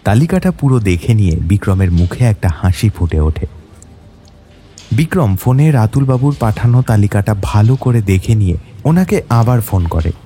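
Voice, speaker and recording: A man narrating a detective audio story in a steady, even manner. His voice is low and mellow. Soft music runs beneath the narration. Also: normal speed.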